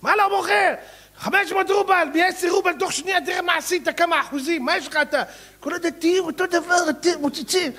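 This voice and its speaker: A man, a rabbi, voicing a brash male merchant who haggles loudly and mocks the other man in a story. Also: very high-pitched, steady tone, pitched above the performer's own voice. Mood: scornful shouting. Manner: shouting, scornful.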